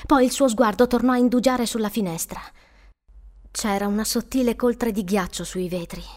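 A woman's voice: on the high side, normal speed. Woman reading a suspenseful audiobook. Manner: expressive, suspenseful storytelling. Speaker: narrator.

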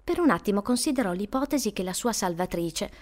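A woman narrating an audiobook with expressive, suspenseful storytelling. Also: mid-range voice, fairly quick. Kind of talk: audiobook reading.

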